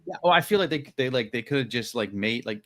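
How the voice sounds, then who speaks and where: A man's voice: mid-range voice, lively intonation, fairly bright tone. A man co-hosting a podcast, recapping a book in rambling casual chat full of "like" and "you know". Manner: rambling, many "like"s and "you know"s, quick acted quotes. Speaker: podcast co-host.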